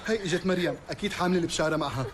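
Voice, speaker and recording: A man playing a cheerful, warm-hearted young groom-to-be in a drama, with a Levantine Arabic accent. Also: a little high, very fast, slight background noise, close to an everyday voice. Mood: excited, joyful. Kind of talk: acted drama dialogue.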